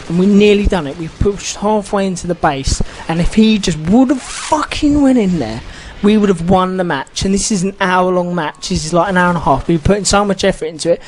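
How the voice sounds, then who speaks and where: A man's voice: sits high, fairly quick, darkish tone, a little hiss or hum. A man ranting casually about an online match, swearing often and rambling with many restarts. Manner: heated, swears a lot, rambling with frequent restarts. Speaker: gaming channel host.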